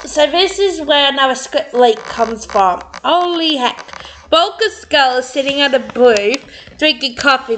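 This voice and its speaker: A woman reading a script aloud in an excited, giggly way, stumbling over words and stopping to react. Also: sits high, slight background noise. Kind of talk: excited read-through with commentary.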